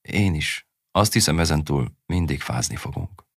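A man's voice: rumbling low, expressive, no room sound, clean studio sound, heavily acted. A man reading a stern, weary father. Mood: grave.

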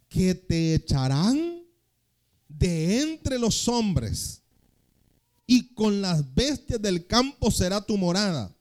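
A young male pastor, whose voice sits high, preaches a sermon that alternates between loud, slow scripture reading and quick, quiet storytelling.

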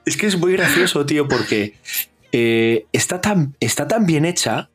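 A man, co-hosting a casual film review podcast, retelling scenes with animated bits of dialogue. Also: measured pace, breathy edge, soft background music. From Spain. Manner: animated, acts out film dialogue in raised pitch. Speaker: podcast co-host.

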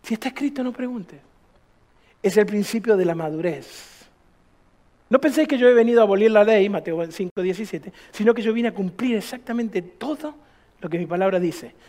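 A man's voice: high voice, moderate pace, a little mellow. A man, a pastor preaching emphatically to a church, firing off rhetorical questions. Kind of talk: sermon.

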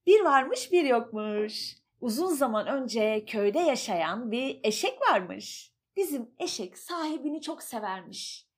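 A woman telling a children's fairy tale in a gentle, sing-song way. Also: a little high, lively intonation, measured pace, few pauses, breathy edge. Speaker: storyteller. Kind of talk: children's storytelling.

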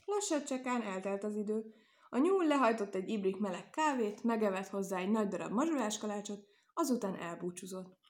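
A woman narrating a children's storybook with a lively, expressive delivery. Her voice sits at a middle pitch and changes for each character. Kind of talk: storybook reading.

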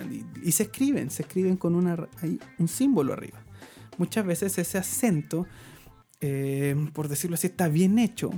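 A man's voice: fairly high pitch, dark tone. A man teaching drum rudiments, explaining patiently and checking in with his viewers. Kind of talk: online drum lesson.

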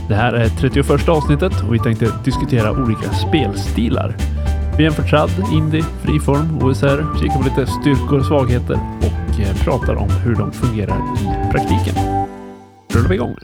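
A man hosting a casual podcast about roleplaying games, relaxed and thinking aloud with many fillers. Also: mid-range voice, creaky, loud music behind the voice. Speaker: podcast host.

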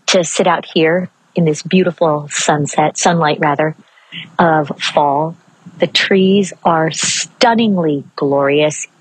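An older woman from Maryland hosting a reflective solo podcast from outdoors. She stretches key words slowly and rushes through asides. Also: deep voice, slightly rough, low-quality recording. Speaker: podcast host.

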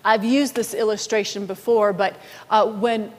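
A woman pastor preaching a sermon, telling a story in a lively storytelling manner. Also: medium pitch, a little slow, big-room sound.

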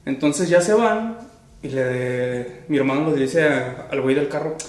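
A man's voice: medium pitch, measured pace, reverberant. Slangy Mexican guy telling stories. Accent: Mexican Spanish. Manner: slangy storytelling, laughs often, acts out quotes. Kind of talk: casual podcast chat.

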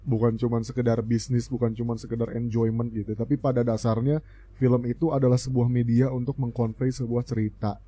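A man's voice: mid-range voice, level tone, a little fast, mellow. A young man with an Indonesian accent co-hosting a casual film chat, talking in emphatic slang and switching in and out of English. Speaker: podcast co-host. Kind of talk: casual chat about films.

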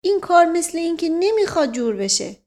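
A woman's voice: very high-pitched, very animated, darkish tone, voice pushed up, full character voice. A woman voicing a talkative rustic old male servant who drawls and repeats a stock phrase. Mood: folksy. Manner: folksy, drawn-out, repeats his stock phrase.

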